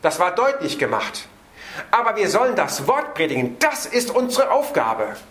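Man, preacher, sermon, emphatic, slows to stress words, lively pitch, echoey room. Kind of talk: sermon, Bible exposition.

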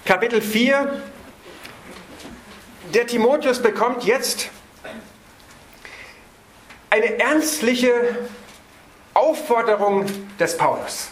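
A man preaching an evening sermon on a Bible passage. He stresses words by slowing down and hurries through his asides. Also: very high voice, lively intonation, roomy sound, slight background noise.

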